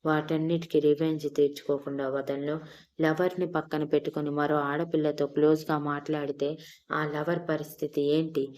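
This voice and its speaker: A woman's voice: deep voice, level tone, normal speed, a little mellow, natural voice. A woman voicing a young woman in love who pleads and scolds in an emotional way, in an audio story. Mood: teasing.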